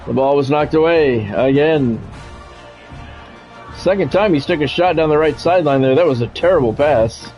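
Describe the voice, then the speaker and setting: With faint music behind him, a man whose voice runs on the high side and sounds darkish talks at normal speed. He streams a college football video game, calling it radio-style with a cadence that swells on big plays, and moves back and forth between broadcast calls and viewer chat.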